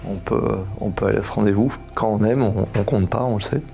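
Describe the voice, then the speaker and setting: A man in his thirties with a low, gravelly voice and a dark, mellow tone. He talks in an earnest, explanatory way and reaches for everyday comparisons. Soft music plays behind him. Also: steady tone, a little fast. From France. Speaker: husband giving a faith testimony. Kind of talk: casual personal testimony.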